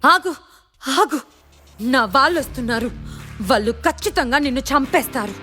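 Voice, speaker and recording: A woman doing a sneering villain businessman, high and shrill. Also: unhurried, soft background music, close to an everyday voice. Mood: panicked threats. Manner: sneering, then shrill and panicky when threatened. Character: arrogant, cowardly foreign male businessman villain.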